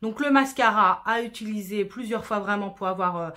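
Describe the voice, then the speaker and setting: A woman talks her way through a makeup tutorial at a casual, chatty pace. She is often self-deprecating and slips English words into her speech. Her voice sits at an everyday middle pitch. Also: fairly quick, bright, forceful tone. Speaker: beauty vlogger.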